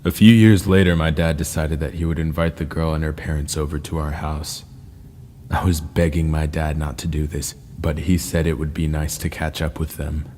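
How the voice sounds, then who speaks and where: A man narrating scary first-person stories in a slow, ominous storytelling manner. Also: a bass voice, level tone, a little mellow. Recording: long reverb with faint ambient noise.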